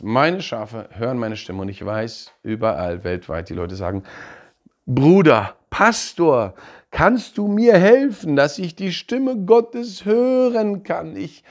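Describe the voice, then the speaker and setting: A man preaching a sermon in an animated way, laughing now and then and acting out quoted voices. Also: lowish voice. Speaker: pastor.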